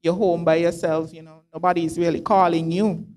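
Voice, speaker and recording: A woman's voice: on the low side, flat delivery, brisk, a little mellow. A woman explaining things on a discussion panel, speaking into a handheld microphone. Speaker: health forum panellist. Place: forum hall, on stage.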